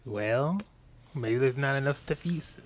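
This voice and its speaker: Playful man with quick reactions. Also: medium pitch. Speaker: podcast co-host. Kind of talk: casual chat.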